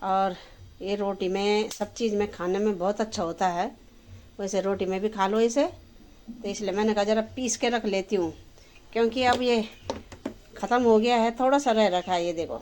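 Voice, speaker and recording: A woman's voice: medium pitch, normal speed, darkish tone, slight background noise, low-quality recording. A woman chatting homely to her viewers in a casual home cooking vlog. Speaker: lifestyle vlogger.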